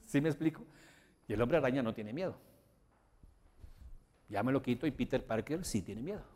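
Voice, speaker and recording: Man, motivational seminar instructor, emphatic, rhetorical questions, medium pitch, long hall reverb. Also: animated, moderate pace, darkish tone.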